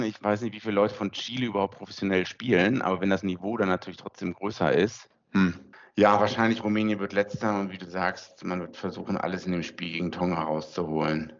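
A man hosting a casual podcast chat, hesitant with many fillers, heard through a low-quality recording. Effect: low-quality, muffled recording. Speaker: podcast host. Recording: muffled lo-fi recording away from home.

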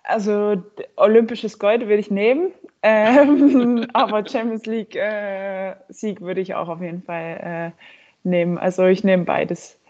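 A woman in her twenties from Belgium, a handball player answering interview questions in a relaxed, hesitant way with many fillers. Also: mid-range voice, unhurried. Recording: slightly muffled recording.

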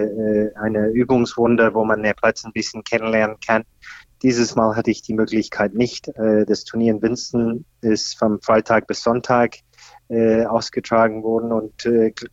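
On a podcast, an Australian golf instructor and senior champion in his 50s speaks hesitantly, full of pauses and filler words. The recording of his lowish voice is muffled, with no room sound.

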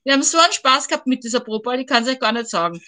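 A woman chats eagerly as a guest over a video call. Her voice sits high and sounds bright and forward. She talks in a lively, enthusiastic way. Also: rapid-fire. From Vienna, Austria. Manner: chatty, enthusiastic. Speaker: guest, football fan. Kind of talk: casual chat.

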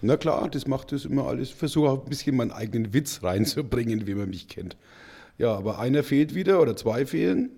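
A man's voice: medium pitch, expressive, a little fast, gravelly, dark tone, husky. A middle-aged man co-hosting a German football podcast in casual chat, rambling and chatty with frequent fillers. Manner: rambling, chatty, says "ich sag mal" a lot. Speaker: podcast co-host.

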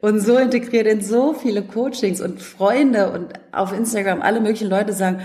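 A woman author and coach telling lively anecdotes in casual talk, acting out quotes with laughs. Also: medium pitch, normal speed. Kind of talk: casual storytelling in a talk show. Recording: roomy echo.

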